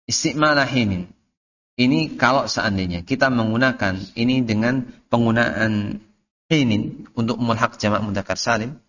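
A man teaching Arabic grammar in class. He reads the Arabic text slowly, then explains it and quizzes his students. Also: mid-range voice, a bit bright. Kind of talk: classroom lesson. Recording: dull lo-fi audio recording.

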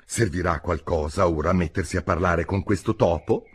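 A man's voice: low voice, fairly quick, slightly rough. A man voicing a well-meaning, talkative young girl in an audiobook, raising his voice to sound girlish. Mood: musing. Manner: eager, chattering, tactless.

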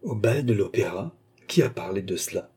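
A troubled king asks sharp, anxious questions of his court, voiced by a male reader. His voice is dark and husky, in an audiobook scene. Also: lowish voice, expressive, normal speed, exaggerated voice. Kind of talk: audiobook character reading.

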